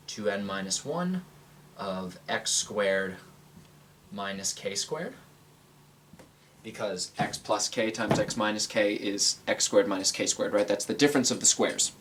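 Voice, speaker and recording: Young male math host, lowish voice, rambling casual lesson, faint hiss. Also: a little slow, fairly bright tone. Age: 20s. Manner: rambling, thinks aloud with fillers and self-corrections. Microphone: camera mic, on camera at a board.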